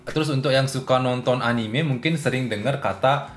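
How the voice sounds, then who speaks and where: A man's voice: medium pitch, brisk. A man giving a casual language lesson who explains plainly and acts out short example dialogues. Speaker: Japanese language teacher. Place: indoor room at home. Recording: roomy home room with faint music.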